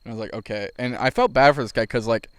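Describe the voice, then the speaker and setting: A man's voice: mid-range voice, quick pace, a bit bright, clear, resonant tone, no room sound. A young man co-hosting a podcast, casually rambling through a story and laughing as he goes. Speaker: podcast co-host. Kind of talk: casual chat.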